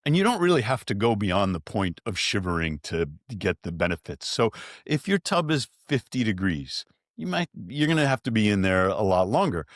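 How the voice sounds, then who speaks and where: A man's voice: lowish voice, no room sound, clean studio sound. A man who founded an ice bath company, telling stories in a podcast interview and acting out the voices of the people he quotes. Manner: animated storyteller, acts out quoted voices.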